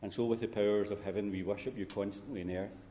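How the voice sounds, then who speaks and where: Deep priest with cathedral echo. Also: male voice, fairly even intonation, warm tone. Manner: measured, solemn, prayerful delivery. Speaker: priest celebrating a funeral Mass. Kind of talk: liturgical recitation. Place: large church. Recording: long reverb in a large church, faint ambience.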